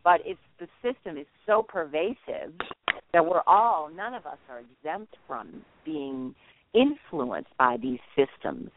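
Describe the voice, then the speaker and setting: A man's voice: fairly high pitch, big pitch swings, a little slow, noisy background. A man speaking on speakerphone as a guest on a call-in show, giving an earnest spiritual teaching talk with repetitive phrasing. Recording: tinny dry phone line.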